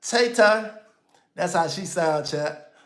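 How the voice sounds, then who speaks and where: A man's voice: high-pitched, slow, reverberant. A man hosting a casual livestream, talking loosely and slangy straight to his viewers, with auto-tune on his voice. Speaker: livestream host.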